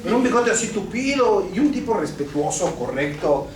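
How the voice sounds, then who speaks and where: This Mexican lecturer's voice sits high and has a sing-song lilt, moving a little fast as he tells anecdotes during a casual law class and sprinkles in rhetorical "¿no?". He speaks Mexican Spanish in a conversational way. Recorded in a university classroom, the sound is noisy, echoey, and distant.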